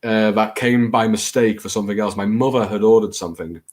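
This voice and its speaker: This Scouse-accented Englishman, the host of a late-night livestream, has a lowish, steady, somewhat mellow voice and a brisk delivery. His live chat is loose and meandering, hesitant and self-deprecating, with theatrical touches.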